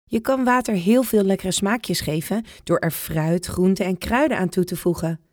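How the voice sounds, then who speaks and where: A woman's voice: medium pitch, normal speed, no echo, clean studio sound, natural voice. A woman voicing a caring old grandmother in a read-aloud children's storybook. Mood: kindly.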